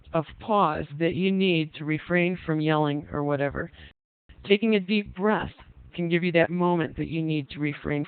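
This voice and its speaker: High-voiced man teaching over a tinny line. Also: clean tone, dry recording. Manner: reads out participants' answers and asks the group questions; relaxed, conversational, frequent ums. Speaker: parenting class instructor. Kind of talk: online class lecture. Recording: tinny phone-like line, dry.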